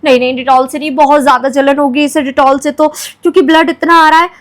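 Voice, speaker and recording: A woman's voice: high-pitched, fairly even intonation, quick pace. A young woman playing a worried mother in a home family vlog skit, fussing over her child and repeating her name.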